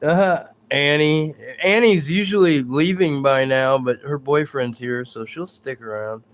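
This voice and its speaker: Male stream host, unhurried, somewhat high-pitched, hesitant and rambling, addresses viewers directly. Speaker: livestream host. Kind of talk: live paranormal stream chat. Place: bedroom at home.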